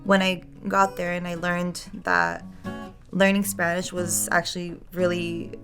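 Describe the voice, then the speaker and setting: A young woman who grew up in Ecuador and Canada is interviewed for a documentary, with guitar music playing in the background. She speaks casually, full of "like" and "uh", in an animated voice on the low side at a measured pace.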